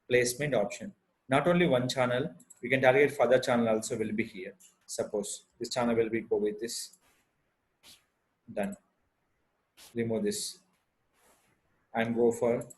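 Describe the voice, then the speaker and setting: A man with an Indian Telugu accent presents an unscripted step-by-step software tutorial in halting, repetitive instructional phrases. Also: medium pitch.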